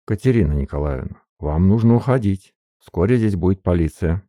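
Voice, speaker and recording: Man doing a smooth tired old official, slow and measured, very deep and dark, dry sound. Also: lively intonation, no echo. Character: suave, weary older male privy councillor. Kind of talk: audiobook character reading.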